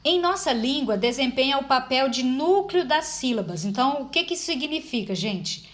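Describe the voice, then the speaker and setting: A woman's voice: sits high, lively intonation, normal speed, a bit bright. A woman teaching a lesson, explaining patiently step by step with many fillers. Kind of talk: informal classroom lesson.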